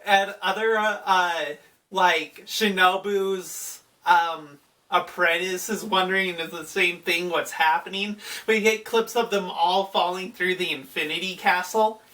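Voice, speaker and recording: A man's voice: high voice, fairly even intonation, measured pace, sharp tone. A man giving an enthusiastic, rambling casual recap of an anime episode on his channel. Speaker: anime YouTuber. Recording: voice distant from the mic.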